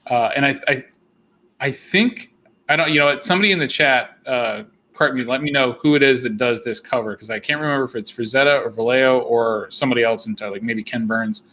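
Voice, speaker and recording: Guy hosting a video call chat, bright voice, keeps restarting his sentences. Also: mid-range voice, quick pace. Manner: rambling, lots of restarts. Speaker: host.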